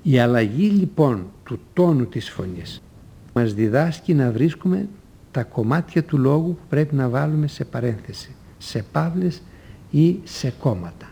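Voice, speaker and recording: A man teaching a language lesson, reading example sentences in a measured, deliberate way with careful pauses. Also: mid-range voice, animated, gravelly, warm tone, breathy edge.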